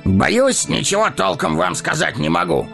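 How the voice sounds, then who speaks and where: An actor playing a proud, commanding horse-lord guard captain in an audio drama. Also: male voice, a little high, lively intonation, moderate pace, creaky, music in the background. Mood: earnest.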